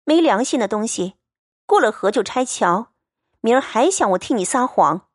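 A clever young maidservant, as a woman reader puts her on, teases with a sharp tongue, her voice high and lively. The storybook recording sounds dry and close. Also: moderate pace, dry recording. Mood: teasing. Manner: teasing, playful.

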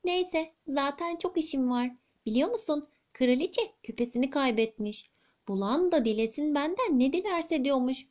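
A woman voicing a busy, boastful giant mouse who talks in a brisk, self-assured way. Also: sits high, expressive, a little mellow.

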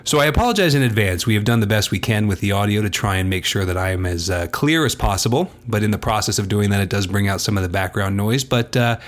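A man's voice: on the low side, expressive, fast talker, few pauses. A man co-hosting a podcast in casual, rambling, self-deprecating talk. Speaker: podcast co-host. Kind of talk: casual chat and announcements.

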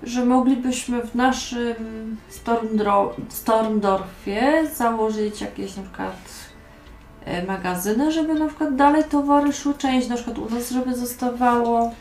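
A woman voicing a young apprentice merchant in a tabletop game, hesitant with many pauses. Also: on the high side, darkish tone. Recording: echoey room, music behind.

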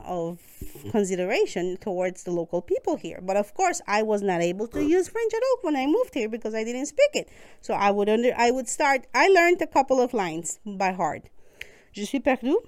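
Costa rican woman, spanish native, chatty and laughing a lot, clear voice, dry close mic. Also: on the high side, no echo. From Costa Rica. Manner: warm, chatty, laughs often. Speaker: guest. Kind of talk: casual conversation.

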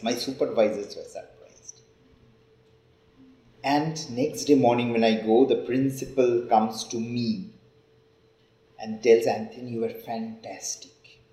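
A man from Bengal with a Bengali Indian accent, telling a personal story in an expressive, feminine manner. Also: mid-range voice. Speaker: storyteller and facilitator. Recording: echoey room.

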